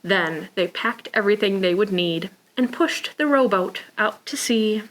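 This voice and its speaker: This storytime presenter, a children's librarian, reads picture books to preschoolers in a medium-pitched voice at a measured pace. Her phrasing is plain and aimed at young children, lively with sighs, gasps and exclamations. The audio quality is poor.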